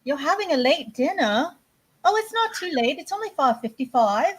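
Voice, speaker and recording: A woman with a fairly high voice, chatting on a live stream. She giggles a lot and reads viewers' comments aloud in a relaxed, easygoing way. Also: moderate pace. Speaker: co-host of a live reselling stream. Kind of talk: casual live-stream chat.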